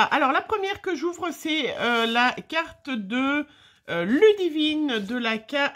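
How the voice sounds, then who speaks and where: With a high, slightly bright voice, a middle-aged Frenchwoman who has a bit of a cold rambles casually to her viewers, full of fillers, while unpacking her mail. She runs a scrapbooking vlog.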